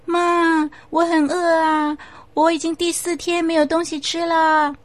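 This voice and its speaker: A woman's voice: flat delivery, measured pace. Woman doing a wailing child-voiced ghost. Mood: plaintive pleading. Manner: high plaintive pleading wail. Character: ghost posing as a hungry dead little boy.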